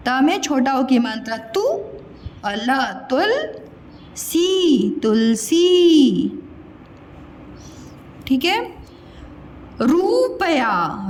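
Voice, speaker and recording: Slow, lilting woman teaching children. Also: high-pitched, a little mellow. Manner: drawn-out syllable-by-syllable pronunciation, questioning pupils; calls the listener "beta" (child). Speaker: primary school Hindi teacher. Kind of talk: slow spoken lesson for young children.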